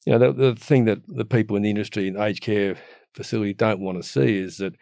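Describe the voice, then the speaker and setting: A man's voice: lowish voice, steady tone, fast, vocal fry, mellow, no room sound, clean studio sound. A middle-aged Australian man ranting casually and bluntly, with the earthy, matey slang and mild swearing of an Aussie tradesman. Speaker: guest giving opinions. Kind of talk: casual opinionated rant.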